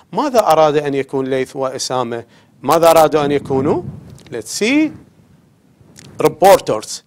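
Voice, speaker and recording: A man with an Iraqi Arabic accent teaching an English lesson on television, explaining in a mix of Arabic and English and often checking "okay?". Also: fairly high pitch.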